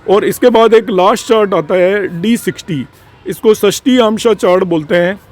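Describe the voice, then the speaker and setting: A man's voice: high voice, moderate pace, a little mellow, faint music behind. A man giving a lecture on astrology, explaining slides step by step and repeating key points. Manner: explanatory, mixes English terms, repeats points. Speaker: astrology teacher.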